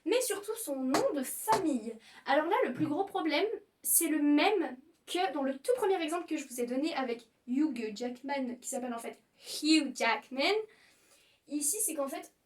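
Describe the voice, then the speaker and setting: A young woman hosting a video explains pronunciation casually and playfully, exaggerating the mistakes. Her voice sits high and the mic sounds distant, fitting a YouTuber teaching pronunciation.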